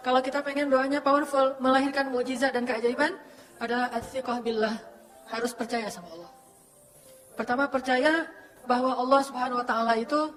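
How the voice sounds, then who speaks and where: Woman, high voice, fast delivery, lively sermon retelling, faint music behind. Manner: lively storytelling with acted quotes. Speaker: religious speaker.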